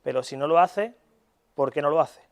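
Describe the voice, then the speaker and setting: A young man from Spain lectures on neuropsychology at a university, his voice sitting on the high side with some vocal fry at a normal speed. His style is casual and chatty, peppered with "¿vale?" to check on his listeners and the odd joking swear word.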